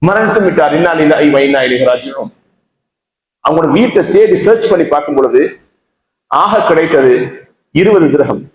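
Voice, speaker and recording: Tamil nadu preacher guy, high lively voice, echoey mosque. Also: moderate pace, long pauses. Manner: repetitive storytelling, rising to emphatic peaks. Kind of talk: Friday sermon.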